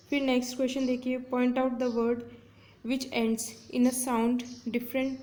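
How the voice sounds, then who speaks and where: A woman's voice: a little high, warm tone. An Indian woman teaching an exam-prep English lesson, patiently explaining and reading questions out word by word.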